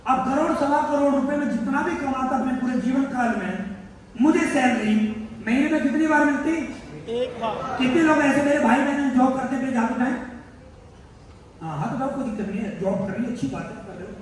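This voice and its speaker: A man's voice: very high-pitched, fairly quick. A man in his thirties giving a motivational business seminar, quizzing the crowd with repeated questions and answers. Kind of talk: seminar speech to a live audience. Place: large hall. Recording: echoey hall from far off, faint noise.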